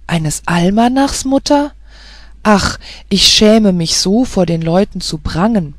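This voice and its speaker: A reader voicing a shy, gentle young female fairy-tale spirit in an audiobook, speaking in a timid, pleading way. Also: medium pitch, slow, no room sound, natural voice. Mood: bashful.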